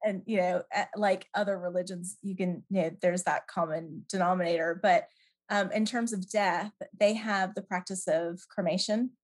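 A woman's voice: on the low side, steady tone, normal speed. A middle-aged woman from Canada answering questions in a podcast interview, thoughtful and hesitant with many fillers. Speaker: guest.

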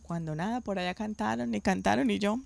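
A middle-aged woman on a chat panel telling a long, animated personal story and slipping in English phrases. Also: medium pitch, fairly quick, gravelly. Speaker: panel guest.

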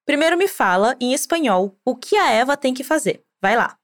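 High-voiced encouraging language teacher woman. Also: lively intonation, moderate pace. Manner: clear, encouraging, drilling repetition. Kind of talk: scripted podcast lesson.

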